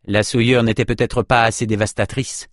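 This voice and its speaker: A man playing a calm, wry male hero. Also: medium pitch, moderate pace, dry recording, clean studio sound, close to an everyday voice. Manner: calm, matter-of-fact explaining.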